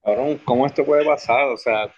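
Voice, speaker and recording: Man, mid-pitched voice, reactive, swears a lot. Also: moderate pace, lo-fi sound. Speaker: podcast co-host. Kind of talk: casual chat.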